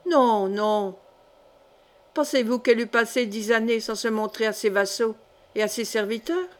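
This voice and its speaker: In a storybook reading, a woman voices a young peasant clog-maker turned fierce orator who hammers accusations at a hushed crowd. His solemn speech swells into loud accusation, pitched a little high yet close to an everyday voice, steady in tone and at a normal speed.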